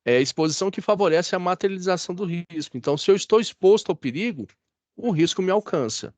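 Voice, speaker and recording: A man's voice: sits high, expressive, fast, darkish tone, dry recording. Chatty Brazilian male teacher, dry sound. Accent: Brazilian Portuguese. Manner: chatty, asks the class for agreement. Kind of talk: classroom lecture. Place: classroom.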